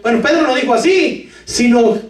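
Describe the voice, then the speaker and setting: A man preaching a lively sermon to his congregation with jokes, sudden shouts and talk of brothers. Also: extremely high pitch, normal speed. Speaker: pastor. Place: church hall. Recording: echoey church hall from far off.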